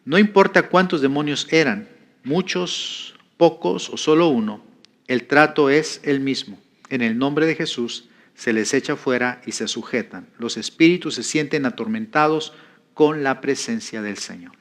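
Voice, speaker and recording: A man's voice: medium pitch, unhurried. A man preaching in a teaching style, conversational and repeating key phrases for emphasis. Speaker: pastor teaching a class. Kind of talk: sermon teaching.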